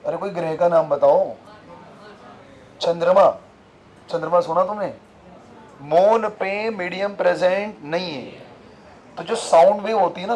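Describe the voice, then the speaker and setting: High-voiced man lecturing a class. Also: rough recording. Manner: questions the class constantly, repeats key terms. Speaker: physics teacher.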